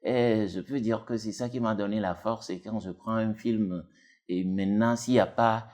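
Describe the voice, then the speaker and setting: A man's voice: steady tone, moderate pace, a little mellow. A man, a dubbing actor talking casually as an interview guest, rambling with many fillers and restarts. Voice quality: deep voice.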